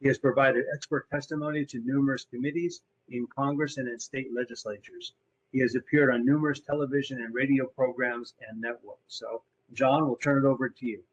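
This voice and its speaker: A man moderating a session, reading a speaker's introduction in a halting way with fillers. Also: medium pitch, steady tone. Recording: dull lo-fi online audio.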